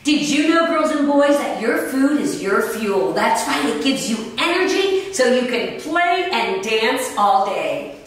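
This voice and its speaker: Female children's dance teacher, middle-aged, energetic and encouraging, high voice, unhurried delivery. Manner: energetic, singsong, encouraging calls. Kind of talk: upbeat instructional cueing to children. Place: mirrored dance studio with wooden floor. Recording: roomy, distant mic, loud music. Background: loud music.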